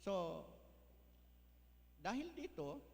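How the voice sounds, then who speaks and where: High gravelly preacher. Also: male voice, sing-song, very slow. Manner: folksy, mixes English, tags lines with "ano?". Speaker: pastor. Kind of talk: sermon. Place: church hall. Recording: echoey church hall, faint hum.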